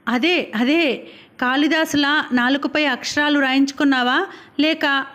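A woman's voice: high-pitched, steady tone, unhurried, fairly bright tone. Woman voicing a bantering male doctor. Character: joking middle-aged male doctor.

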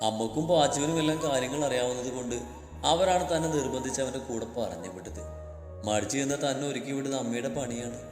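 A man narrating a romantic story as a storyteller, in a calm, steady reading. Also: medium pitch. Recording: echoey room with long reverb, faint music.

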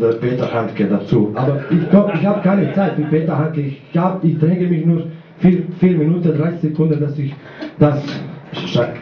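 A man reading his own poem at a poetry slam, halting, with fillers and non-native grammar. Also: medium pitch, a little hiss or hum. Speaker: slam poet. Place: small bar at a live poetry slam. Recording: roomy, dull live recording.

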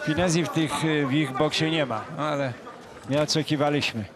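A man giving live boxing commentary in a conversational manner, often pausing with fillers. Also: on the high side, fairly even intonation, a crowd in the background.

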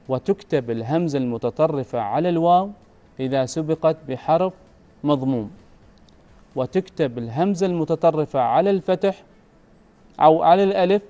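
In a recorded grammar lesson, an Omani man with an Omani Arabic accent patiently asks his student the same questions again. He has a slightly high, mellow voice.

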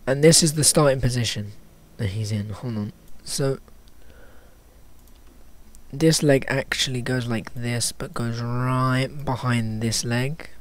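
This man takes it slowly as he narrates a casual screen-recorded animation tutorial despite having hiccups, pausing and resuming while he thinks aloud and corrects himself. His medium-pitched voice stays fairly even.

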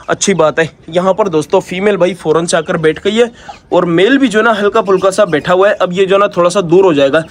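A man vlogging about his pet birds and rabbits in a chatty, affectionate way. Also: high voice. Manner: chatty, affectionate, peppered with "yaar" and "bhai"; coaxing pets softly. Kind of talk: casual vlog narration.

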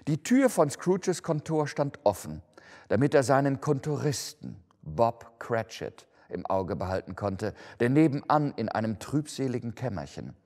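A male actor reading a classic story aloud in an expressive, measured way. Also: medium pitch. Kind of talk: scripted storybook narration. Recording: long hall reverb.

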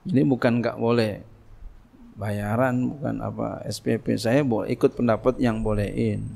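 A middle-aged man a gravelly, creaky voice and a lilt gives a relaxed religious lecture. He talks the way he would in conversation, repeating himself and tossing out rhetorical questions. His pitch sits in an ordinary middle range. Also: moderate pace. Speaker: Islamic boarding school teacher.

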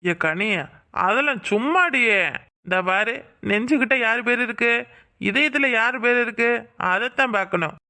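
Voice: mid-range voice, expressive, moderate pace, long pauses, pushed and bright. Voice actor doing a teasing young village husband. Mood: pleading. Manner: teasing, playful banter. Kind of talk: cartoon voice acting.

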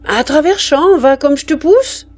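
A woman reading aloud and voicing a gruff male army sergeant, blustering and exclaiming. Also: high-pitched, animated, measured pace, a little mellow, voice pushed up.

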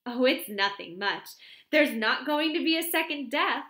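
In an audiobook reading, a woman voices a chatty, arch young secretary who gushes and gossips breathlessly and exclaims a lot. She performs heavily, pitching her voice high above her own, with an expressive, sharp tone and a slightly slow pace, in a roomy, echoing space.

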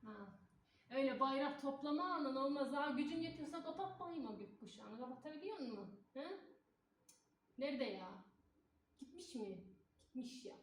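A woman's voice: fairly high pitch, measured pace, a little hiss or hum. Woman playing Afife, a chatty cleaning lady. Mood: indignant. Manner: chatty, folksy, sprinkles exclamations. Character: chatty middle-aged female cleaner, gossipy and spirited. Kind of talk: comic stage monologue. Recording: echoey room, voice far from mic.

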